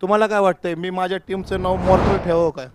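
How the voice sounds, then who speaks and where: A man's voice: high voice, little pitch movement, fast talker, noisy background. A man, a team player chatting casually with the commentators, boastful and jokey.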